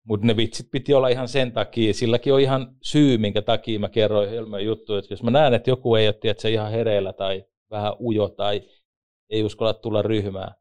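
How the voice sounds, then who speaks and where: A man with a fairly low voice spins lively, joking stories about his work as a hockey referee. He talks in a relaxed, casual interview manner. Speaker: ice hockey referee and former league player.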